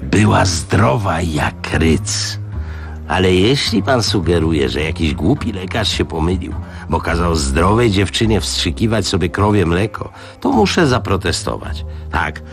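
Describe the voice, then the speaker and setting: A man's voice: low voice, big pitch swings, measured pace, creaky, soft background music, exaggerated voice. A man reading a novel aloud on radio, voicing a stern male police sergeant who speaks curtly and firmly. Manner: curt, firm.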